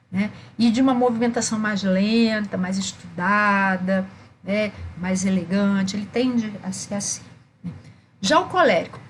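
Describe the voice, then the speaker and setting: A woman's voice: fairly high pitch, slight background noise. Woman teaching a webinar. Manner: frequent "né?" tags, lists words. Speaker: webinar presenter.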